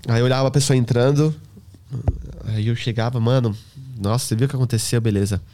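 A man's voice: mid-range voice, fast talker. A man telling stories in a casual podcast, acting out dialogue with street slang. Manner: animated, acts out dialogue with slang. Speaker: hair stylist guest.

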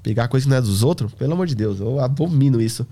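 A man's voice: mid-range voice, very fast. A man telling stories in a casual podcast, acting out dialogue with street slang. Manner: animated, acts out dialogue with slang. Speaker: hair stylist guest.

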